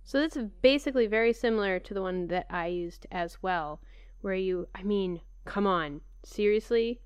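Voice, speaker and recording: A woman co-hosting a podcast in a casual, conversational and animated way. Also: mid-range voice, moderate pace, clean tone, no echo. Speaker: podcast co-host. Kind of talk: casual chat.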